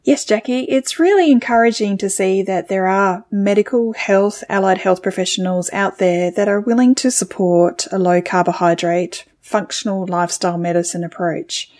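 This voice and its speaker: A woman's voice: mid-range voice, moderate pace, hardly any pauses, a little mellow. A woman co-hosting an interview podcast in a conversational style. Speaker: podcast co-host.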